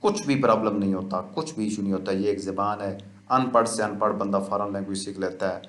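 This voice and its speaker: A man's voice: lowish voice, fairly even intonation, fairly bright tone, roomy sound, slight background noise. Repetitive male English teacher. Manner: explains slowly, repeating each phrase. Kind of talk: YouTube lecture.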